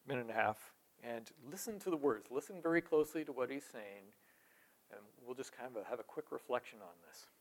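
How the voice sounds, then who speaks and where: A man with a medium-pitched voice teaches a group in an informal lecture style. He stresses key words hard, then lets the ends of phrases drop away, often posing rhetorical questions.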